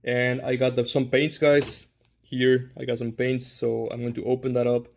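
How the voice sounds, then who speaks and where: A man's voice: mid-range voice, completely flat delivery, normal speed, vocal fry, a little mellow, slight background noise. A man chatting casually to viewers as the host of a hobby vlog. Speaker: hobbyist host of figure customizing videos.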